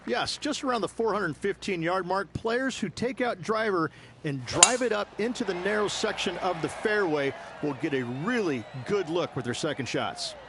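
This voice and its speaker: A man's voice: high voice, expressive, moderate pace. A man voicing an enthusiastic golf commentator who gives descriptive analysis. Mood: enthusiastic, explanatory. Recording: clear outdoor background noise.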